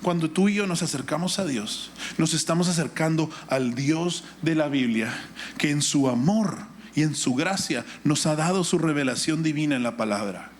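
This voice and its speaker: A middle-aged man with a Guatemalan Spanish accent preaches a sermon, his voice a little high and his speed normal, with slight background noise. He teaches through rhetorical questions and repetition, mixing Bible reading with a personal anecdote.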